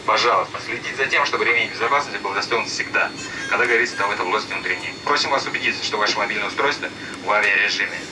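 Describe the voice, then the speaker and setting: A male flight attendant reading formal safety announcements over a plane's cabin loudspeaker. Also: very fast. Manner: formal, recited delivery. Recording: distant cabin speaker with engine rumble.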